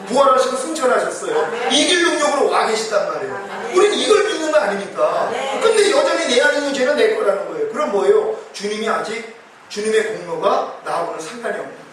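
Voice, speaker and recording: A male pastor preaching an emphatic revival sermon, acting out quoted prayers. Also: high-pitched. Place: church hall. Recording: very echoey hall, distant mic.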